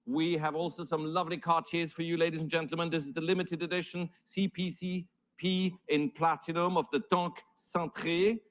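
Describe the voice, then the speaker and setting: A man's voice: on the high side, little pitch movement, normal speed, fairly bright tone. A man working as an auctioneer, calling numbers and bids live in formal, courteous patter.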